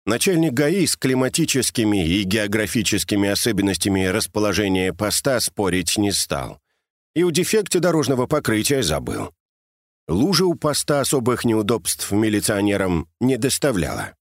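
A man reading a novel aloud as scripted narration, in a measured, wry storytelling manner. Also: on the low side, no echo, studio quality. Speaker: audiobook narrator.

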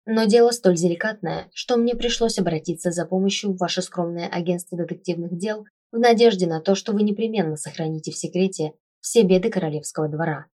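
Brief: woman audiobook narrator, lowish voice, wry and expressive. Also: fairly quick, hardly any pauses. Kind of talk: first-person audiobook narration.

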